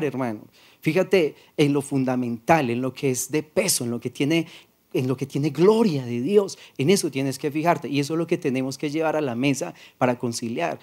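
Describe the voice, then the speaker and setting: A man with a Colombian Paisa accent preaching a sermon as pastor, soft-spoken and conversational, acting out little dialogues as he talks. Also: a little high. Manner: soft-spoken, does not shout.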